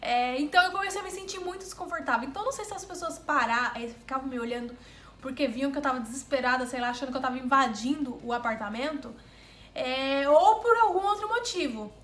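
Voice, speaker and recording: A woman vlogger from Brazil telling a travel mishap story to her viewers in a casual, animated way, often repeating words for emphasis. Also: high-pitched, fast, echoey room.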